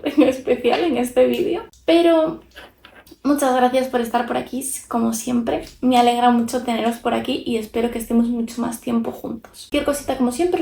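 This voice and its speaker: A woman's voice: high-pitched, vocal fry, dark tone, echoey room. A young woman with a Spanish accent from Spain chatting frankly in a casual podcast style as a YouTuber, giving her opinions while she draws.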